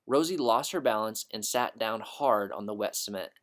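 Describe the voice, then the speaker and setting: Calm male storybook narrator. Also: on the low side, moderate pace.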